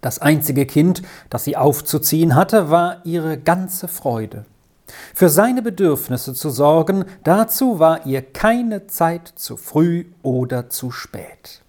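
A woman narrating a storybook in a calm, measured way. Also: deep voice. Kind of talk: storybook reading.

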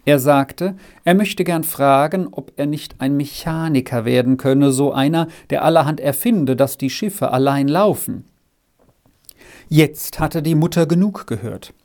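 A man narrating a children's story as an audiobook, in a measured storytelling manner. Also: fairly high pitch, a little mellow. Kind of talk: audiobook reading.

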